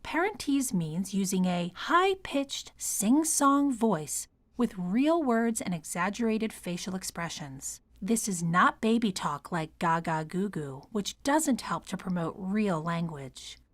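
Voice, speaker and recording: A woman presenting an educational video, explaining in a calm, clear way. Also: mid-range voice, takes it slowly, few pauses, dry recording. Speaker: hospital staff presenter. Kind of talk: scripted educational narration.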